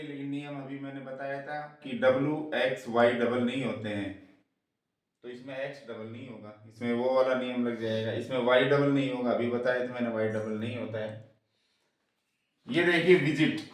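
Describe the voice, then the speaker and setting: A man teaching English grammar in Hindi, spelling out letters and sounds slowly and repeating each rule in two languages. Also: medium pitch. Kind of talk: slow explanatory lesson, mixing Hindi and English. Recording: very echoey room, voice far from the mic.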